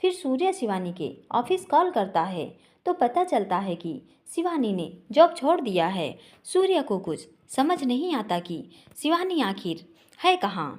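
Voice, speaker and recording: Expressive woman telling a story. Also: a little high, a little slow. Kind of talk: scripted story narration.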